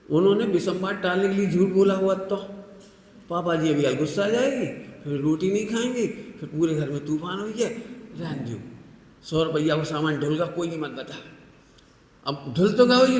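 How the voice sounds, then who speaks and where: A man preaching a sermon in a folksy manner, often asking the audience rhetorical questions. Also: high voice. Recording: echoey hall with long reverb.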